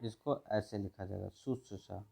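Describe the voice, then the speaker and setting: Brisk man teaching grammar. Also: medium pitch, darkish tone. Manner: brisk, repeats each word and asks the viewer. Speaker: Hindi teacher. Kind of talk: exam revision lesson.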